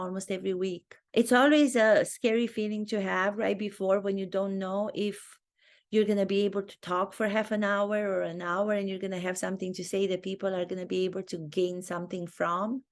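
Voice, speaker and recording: In a commentary video of her own, an acting teacher with a Romanian accent reflects aloud to the camera in an earnest way. Her pitch is medium, her intonation fairly even, and she speaks at normal speed.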